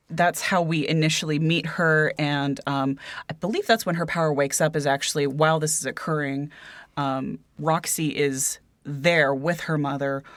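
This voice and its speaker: A woman's voice: low-pitched, no room sound. A woman co-hosting a casual book podcast, talking hesitantly with lots of fillers and restarts. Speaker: podcast co-host.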